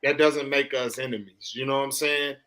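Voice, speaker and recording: A man's voice: medium pitch, fairly even intonation, a little fast, bright, forceful tone. A man hosting a podcast, delivering an impassioned, emphatic soapbox monologue in casual, slangy, profane speech, often repeating himself for emphasis. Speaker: podcast host.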